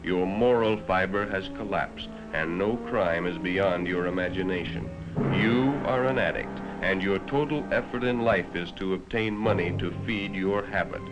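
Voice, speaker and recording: A man whose voice sits low reads scripted narration at a moderate pace on a low-quality recording. He is American, and he speaks directly to the listener in a grave, dramatic, moralizing way reminiscent of a 1960s educational film. It comes from a vintage 1960s film soundtrack with prominent music.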